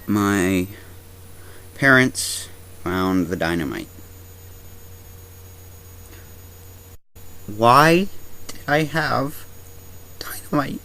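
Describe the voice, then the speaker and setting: A man playing an awkward, deadpan zombie apocalypse survivor, rambling hesitantly in a fictional video diary. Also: sits low, vocal fry, slight background noise, full character voice, poor audio. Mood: shaken, rambling. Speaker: video diarist. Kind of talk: fictional confessional vlog monologue.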